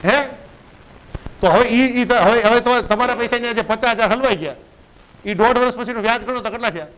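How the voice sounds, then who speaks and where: A man's voice: very high-pitched, a little fast, fairly bright tone, low-quality recording. A man, giving a business coach's lecture and often asking his listeners "right?". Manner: conversational, keeps asking "right?" to check in.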